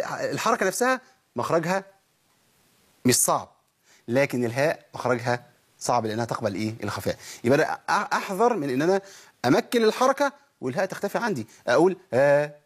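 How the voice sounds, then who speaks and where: Egyptian male tutor, a bit high and husky, quick-fire lesson delivery with rhetorical questions. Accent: Egyptian Arabic. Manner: asks rhetorical questions and answers them, demonstrating sounds aloud. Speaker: Quran recitation teacher. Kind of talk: recorded lesson on recitation rules.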